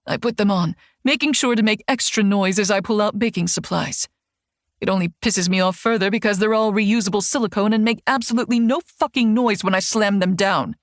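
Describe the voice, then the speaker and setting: A woman's voice: medium pitch, fairly quick, no room sound, clean studio sound. A woman narrating a first-person audiobook in a wry, sardonic tone. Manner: wry, sardonic inner monologue.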